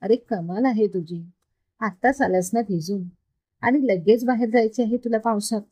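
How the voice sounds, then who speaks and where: Woman doing a quick-tempered young woman, scolding, caring, storybook figure, dry close sound. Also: on the high side, breathy edge, no room sound. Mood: angry. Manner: scolding, sharp, raised voice.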